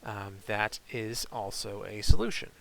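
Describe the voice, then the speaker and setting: A man teaching chemistry in a recorded online lecture, explaining in a relaxed way with frequent fillers. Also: on the low side, unhurried, creaky, slight background noise, rough recording.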